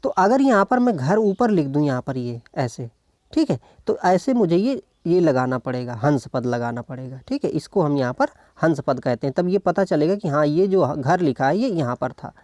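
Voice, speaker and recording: Exam-prep tutor, patient step-by-step explaining, mellow voice, dry close sound. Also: medium pitch, animated, moderate pace, dry recording. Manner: patient, talks through each answer and asks itself questions, keeps checking in with "ok". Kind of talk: online lesson walking through practice questions.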